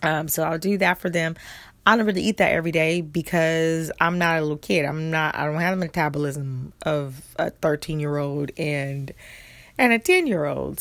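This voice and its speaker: A woman's voice: sits low, vocal fry, dry recording. A woman in her thirties telling a personal story in a chatty way, laughing often and acting out what she and others said. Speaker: vlogger. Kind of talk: casual storytelling.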